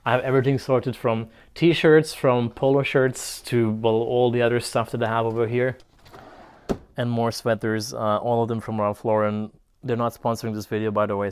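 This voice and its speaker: A young Croatian man with a mid-range, darkish voice that sounds clear and resonant chats casually while vlogging a tour of his apartment indoors. He jokes and chuckles often.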